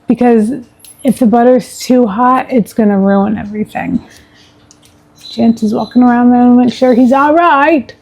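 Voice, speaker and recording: A woman's voice: a little high, normal speed, low-quality recording. A woman chatting casually while showing how she cooks a recipe at home, with small asides. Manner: chatty, relaxed, talks to her pet mid-recipe. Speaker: home cook, vlogger. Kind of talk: casual cooking tutorial.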